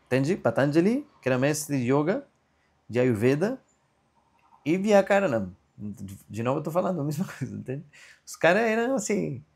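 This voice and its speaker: A man's voice: on the high side, gravelly, breathy edge. A man teaching an online Sanskrit grammar class over a video call, explaining patiently and often checking in with "entende?". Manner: slow chanted recitation of a verse.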